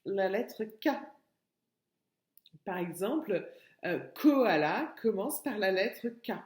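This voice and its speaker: A woman teacher giving a remote lesson to young children from a room at home, slow and patient, repeating each word and syllable. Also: medium pitch, expressive, a little mellow, echoey room. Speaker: kindergarten teacher.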